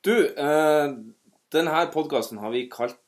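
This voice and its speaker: A man with a North Norwegian accent co-hosting a podcast in casual, dryly joking chat. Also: fairly high pitch. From Northern Norway. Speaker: podcast co-host.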